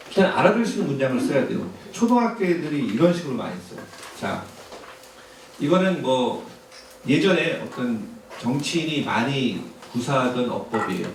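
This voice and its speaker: Man lecturing in a very echoey hall. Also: mid-range voice. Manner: conversational, rhetorical questions. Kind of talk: public lecture to parents. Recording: very echoey hall, distant mic, faint noise.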